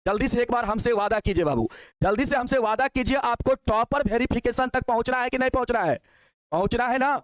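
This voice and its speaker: A male maths teacher, coaxing and encouraging as he works through problems. His voice sits very high. The sound is dry and close, with no room. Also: no room sound. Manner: coaxing, calls students "babu", asks quick questions. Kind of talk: online exam-prep lesson.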